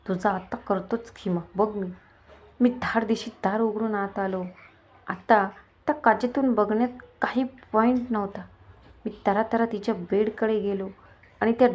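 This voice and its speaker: Expressive woman reading a dramatic story. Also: mid-range voice. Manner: expressive first-person storytelling.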